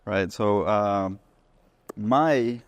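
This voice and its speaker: A man's voice: on the low side, very slow, no room sound. A man from Honduras co-hosting a car podcast, telling stories casually, with curse words and frequent restarts. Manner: relaxed storytelling with swearing and restarts. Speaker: podcast co-host. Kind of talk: casual chat.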